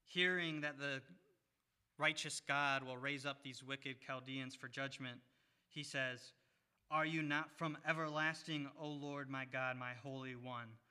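A man preaching a sermon, reading scripture in a measured way with pauses. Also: medium pitch, steady tone, bright, forceful tone, smooth.

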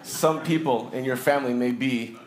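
A man's voice: mid-range voice, slow pace, background noise. A man preaching in a church, playful and joking, sometimes acting out other voices. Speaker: pastor. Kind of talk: sermon with interpreter. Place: church hall. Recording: roomy hall with faint ambience.

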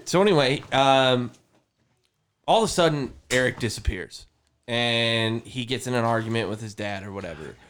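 A man on a casual podcast telling a long story. He talks in a rambling, profane way, packed with "like" and "you know", and mimics other people in quick asides. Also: mid-range voice, fairly bright tone, slight background noise.

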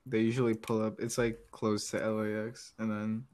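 A man's voice: on the low side, level tone, normal speed, a little mellow. A young man hosting a casual podcast, telling a story with lots of fillers and restarts and frequent laughs. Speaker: podcast host. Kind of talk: casual chat.

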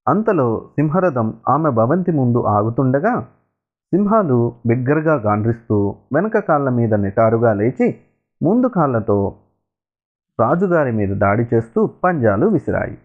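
A man narrating a story in a lively, dramatic storytelling manner. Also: mid-range voice, unhurried. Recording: tinny phone-like sound.

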